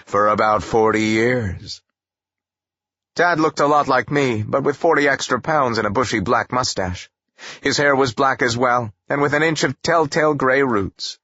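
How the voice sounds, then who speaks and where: A man narrating a first-person audiobook in a wry, expressive storytelling manner. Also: mid-range voice, normal speed, breathy edge, no room sound, highs cut off.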